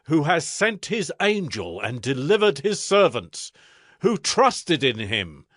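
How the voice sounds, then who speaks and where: Grandiose King Nebuchadnezzar, swooping slow delivery. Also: fairly high pitch, fairly bright tone, dry recording, clean studio sound, heavily acted. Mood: imperious decree. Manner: declamatory, solemn, measured royal delivery. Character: proud, grandiose ancient Babylonian king, awed by wonders. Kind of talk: dramatized audio scripture acting.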